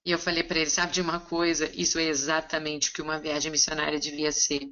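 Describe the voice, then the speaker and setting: A woman interpreting a seminar consecutively, relaying each line in a steady, conversational way. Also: sits low, quick pace, dull audio.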